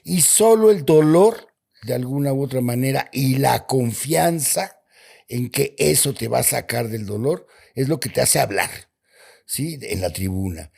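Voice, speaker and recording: Male guest, gravelly fry in the voice, earnest explainer. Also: medium pitch, animated, unhurried, darkish tone. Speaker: guest, AA member. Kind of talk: conversational discussion.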